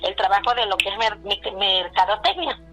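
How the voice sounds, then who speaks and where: Gravelly-voiced woman telling her story. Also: mid-range voice, lively intonation, moderate pace, sharp tone, soft background music, low-quality recording. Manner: rambling, many restarts and fillers, retells dialogue. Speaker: caller telling a personal story. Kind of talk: casual spoken storytelling.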